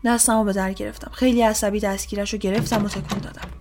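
A woman's voice: mid-range voice, level tone, a little hiss or hum. A woman reading a first-person horror story aloud, often sinking into a whisper. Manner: hushed, often dropping to a whisper. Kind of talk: scripted horror narration.

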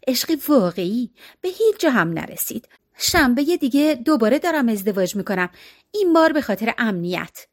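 A woman voicing a soft-spoken woman caller on a radio show, talking in a calm, matter-of-fact way. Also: fairly high pitch.

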